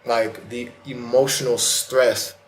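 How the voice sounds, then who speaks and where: In an echoey room with a little hiss or hum, a man speaks slowly with a steady, medium-pitched voice. Hosting a self-help vlog, he addresses the viewer in an earnest, casual, colloquial motivational monologue, his words slightly lisping and slurred because of a retainer.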